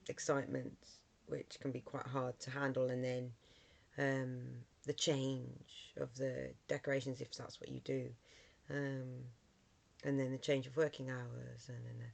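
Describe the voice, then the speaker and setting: With a cold roughening his mid-range voice, a middle-aged vlogger chats informally to the camera, often restarting and saying um.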